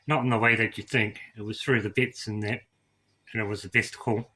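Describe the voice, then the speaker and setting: A middle-aged man telling his own story to camera, emotional and tearful, halting and repeating words as he goes. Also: fairly low pitch, little pitch movement, pushed and bright, slight background noise. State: crying. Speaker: vlogger.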